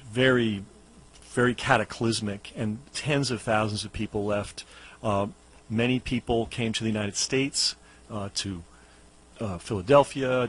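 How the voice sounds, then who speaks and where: A hoarse man who is losing his voice, a radio guest telling music history in a loose, explanatory way with many fillers. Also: lowish voice, low-quality recording. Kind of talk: casual radio history talk. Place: radio studio.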